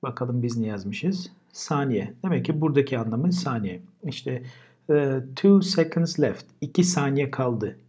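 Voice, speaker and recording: A man's voice: mid-range voice, lively intonation, normal speed, dark tone, husky. A man teaching English vocabulary in a casual lesson. He says each word twice and then explains it. Turkish is his first language.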